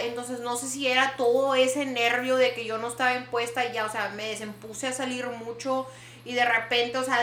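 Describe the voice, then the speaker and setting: Brief: female podcast host, high bright voice, animated code-switching storyteller, echoey room. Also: a little hiss or hum. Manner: animated, dramatic storyteller switching between Spanish and English. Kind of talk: casual storytelling chat. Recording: echoey room with faint ambience.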